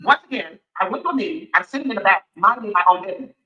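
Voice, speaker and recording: A woman's voice: medium pitch, expressive, very fast, pushed and bright, reverberant, dull audio. A woman in her sixties, a candidate answering interview questions in an emphatic, repetitive, defensive way. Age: 60s. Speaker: city council candidate.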